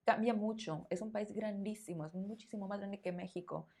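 A Spanish teacher with a Mexican accent hosts a podcast in a conversational interview format. Her voice is mid-range and darkish, at a moderate pace. She explains things thoughtfully, repeating words while she hunts for the right ones.

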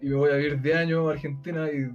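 A man's voice: on the high side, little pitch movement, quick pace, muffled recording, faint music behind. A Chilean man with a Chilean Spanish accent debating in casual chat, rambling with many fillers and restarts.

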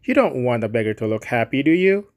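A man's voice: mid-range voice, sing-song, fast, natural voice. A man reading aloud, voicing a boisterous, bossy male painter in a hearty, declamatory way. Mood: jovial.

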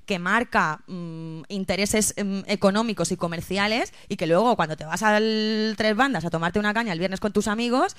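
A woman's voice: mid-range voice, normal speed, hardly any pauses, smooth, dry recording, clean studio sound. Woman co-hosting a chat podcast. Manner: thinking aloud with restarts and hesitations. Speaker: podcast co-host. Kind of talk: casual chat.

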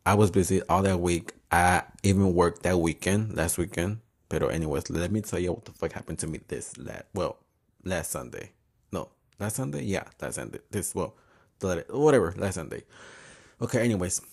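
A man with a deep voice and braces on his teeth hosts his own podcast. He chats informally, curses often and drops Spanish words and phrases into his English. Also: animated, moderate pace, creaky, husky. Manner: switches between English and Spanish. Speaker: podcast host. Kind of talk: casual solo podcast chat, swearing freely.

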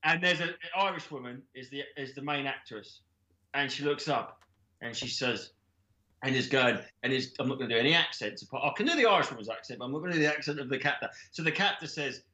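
A man's voice: medium pitch, fast talker. A man telling a made-up film plot in comic, rambling chat, acting out the characters. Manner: rambling, animated, breaks into laughter while acting out scenes. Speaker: podcast guest pitching made-up films. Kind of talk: comedic storytelling chat. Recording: roomy echo.

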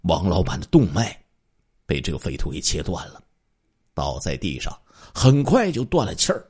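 Brief: male true-crime storyteller, husky, wildly lively pitch. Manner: swooping, dramatic storytelling with drawn-out particles. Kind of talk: dramatic true-crime narration.

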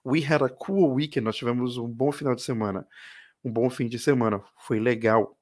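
A man's voice: medium pitch, fairly even intonation. Man teaching English on a live stream. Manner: reads English phrases slowly for viewers to repeat; mixes English words into his talk.

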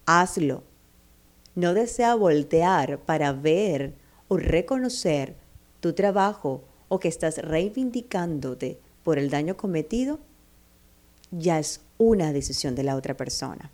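Woman, motivational speaker, warm mellow voice, emphatic direct address to the listener. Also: low voice, lively intonation, takes it slowly. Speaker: self-help speaker. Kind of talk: motivational talk.

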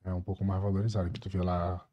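A Brazilian man co-hosts a casual podcast, tossing in relaxed questions. His voice sits low, he talks fast, and the audio has a slightly muffled, dull sound. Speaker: podcast co-host.

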